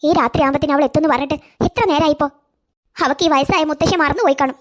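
Lady doing an old granny in a cartoon, slow, soft and worried. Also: high voice, close to an everyday voice. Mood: fretful. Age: older. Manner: slow, doting, fretful. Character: doting anxious old grandmother.

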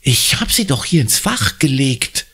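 A man putting on a high, fretful little girl's voice for an audiobook, shrill whenever she is upset. The voice is slightly husky and leaps far above the reader's low register. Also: sing-song, measured pace, fairly bright tone, full character voice. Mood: muttering. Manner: shrill, dismayed outbursts. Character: upset schoolgirl, anxious and superstitious. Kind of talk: audiobook character voice.

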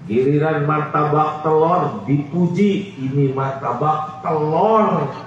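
A man's voice: a little high, slow pace, a little hiss or hum. Man preaching with playful questions, roomy and distant. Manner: lively, jokey, asks the crowd questions. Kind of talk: outdoor sermon. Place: outdoor stage under a tent. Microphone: handheld mic, far camera. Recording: roomy, distant, dull PA sound.

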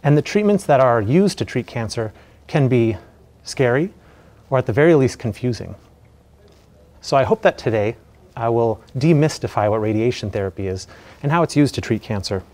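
An American man in his thirties giving a measured, explanatory medical lecture, his voice slightly muffled by a mask over his mouth. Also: medium pitch, animated, a little mellow. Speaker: radiation oncologist giving a lecture. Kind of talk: educational medical presentation. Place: indoor presentation room. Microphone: lapel mic.

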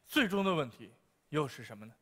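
A man's voice: fairly high pitch, very animated, fairly quick, pushed and bright, big-room sound, a little hiss or hum. A man hosting a TV talk show, introducing segments with mock-grand flair. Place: large TV studio with audience.

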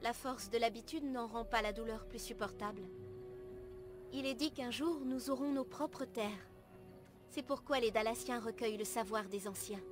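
A woman playing an earnest, gentle young elf apprentice in a video game, speaking formally and in measured, literary phrases. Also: a little high, natural voice. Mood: solemn, wistful. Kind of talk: video game dialogue acting. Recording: music behind the voice.

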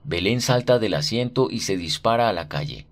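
A man narrating a short story for radio in a dramatic, expressive reading. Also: fairly low pitch, normal speed.

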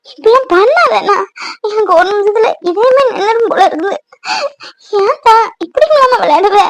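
A woman voicing an emotional, affectionate young wife in a cartoon, tearful and excitable. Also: extremely high pitch. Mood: fond scolding. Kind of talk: Tamil cartoon voice acting.

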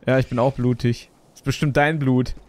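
A man's voice: medium pitch, fairly even intonation, normal speed, a little mellow. A man hosting a gaming session, chatting casually with playfully bombastic mock-military commands. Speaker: let's play host, squad leader. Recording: clear game noise and gunfire behind. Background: game ambience and gunfire.

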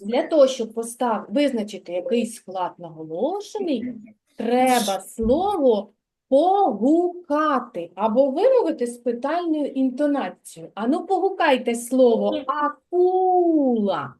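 A woman teaching a literacy lesson to preschool children in a kindergarten classroom, speaking clearly and drawing out words so the children can follow. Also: high-pitched, very animated, normal speed, mellow.

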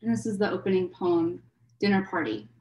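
A woman in her thirties from California, a poet reading her work in a calm, measured way from her home over a video call. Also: lowish voice. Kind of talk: poetry reading. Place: home room with bookshelves. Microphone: laptop webcam mic, video call. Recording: roomy video-call audio.

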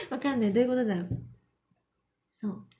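A woman's voice: on the high side, wildly swooping pitch, moderate pace, darkish tone. A young woman from Japan who speaks Mandarin as a second language, chatting casually with viewers on a livestream, giggling and switching between Mandarin and Japanese. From Yamanashi, Japan. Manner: mixes Mandarin and Japanese, giggly, reads viewer comments aloud. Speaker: idol livestream host.

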